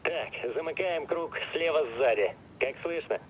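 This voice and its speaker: An actor playing a chatty, joking young tech support teammate in a game, talking casually in slang. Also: male voice, a little high, expressive, unhurried, lo-fi sound, a little hiss or hum. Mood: casual, playful. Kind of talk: dubbed game dialogue.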